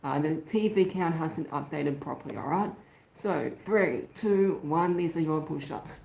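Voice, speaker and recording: A man's voice: a little high, measured pace, vocal fry, a little mellow. An Australian man chatting casually on a phone livestream, thanking viewers by name as he goes. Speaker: YouTuber live-streaming.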